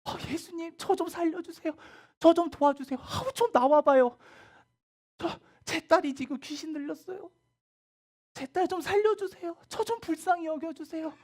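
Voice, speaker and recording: A woman voicing a desperate mother who cries out and begs loudly for help in a children's Bible story. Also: moderate pace. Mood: pleading. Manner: high, loud, crying out.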